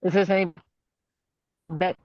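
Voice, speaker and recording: A man giving public comment on a video call whose audio keeps breaking up and cutting out, speaking haltingly and trailing off mid-phrase. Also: sits high, steady tone, a little mellow, dry recording. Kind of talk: public comment at a county meeting. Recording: dull, dry video call line.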